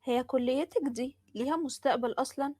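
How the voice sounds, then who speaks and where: Woman doing jealous Egyptian older sister, fast, sneering, storybook role. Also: high voice, breathy edge, dry recording, studio quality. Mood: spiteful. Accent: Egyptian Arabic. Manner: bitter, taunting, loud.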